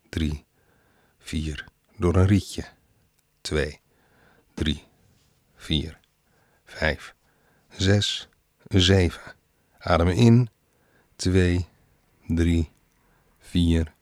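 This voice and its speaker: A man guiding a breathing exercise in a calm manner, counting slowly and trailing off softly. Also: sits low, no echo, studio quality.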